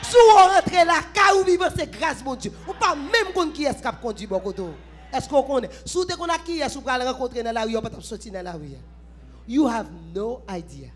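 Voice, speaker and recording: A woman with a Haitian accent leads a church prayer vigil, mixing Creole, French and English and breaking into sung worship. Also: a little high.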